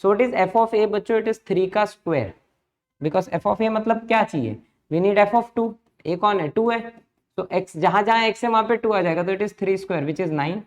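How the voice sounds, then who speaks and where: Brisk male maths teacher. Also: sits high. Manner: brisk, coaxing, talks students through each step. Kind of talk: lecture mixing Hindi and English.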